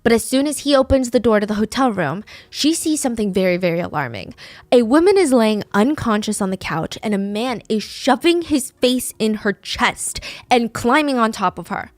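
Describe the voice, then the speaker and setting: A woman tells a true crime case in a relaxed, chatty manner at a moderate pace, her voice sitting somewhat high. Whenever she quotes someone, she slips into little character voices. The recording is close and dry, with no echo.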